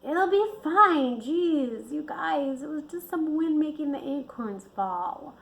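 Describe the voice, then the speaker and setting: A woman voicing a raspy young girl who brushes off every worry, for a storybook reading. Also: sits high, lively intonation, slow pace, a bit bright, voice pushed up, full character voice. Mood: dismissive. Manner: brushing off worries.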